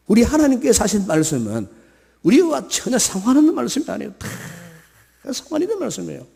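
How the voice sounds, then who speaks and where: Pastor preaching in a reverberant church, gravelly. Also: male voice. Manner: swings between soft low musing and loud high-pitched exhortation; acts out quoted voices of a tearful daughter and her mother. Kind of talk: Sunday morning sermon. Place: church sanctuary. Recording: church hall with long reverb.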